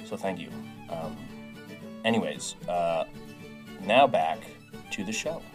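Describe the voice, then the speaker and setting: Earnest, rambling man, low voice. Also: expressive, takes it slowly, over music. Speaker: player and podcast co-host. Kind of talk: casual tabletop podcast.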